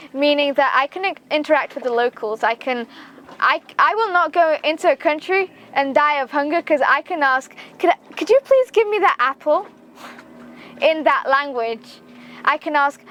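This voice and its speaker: A woman's voice: high-pitched, fairly bright tone. A young woman from Romania with an English accent, a sailing vlogger talking chattily to her viewers, with fillers and restarts. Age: young adult. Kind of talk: casual vlog talk.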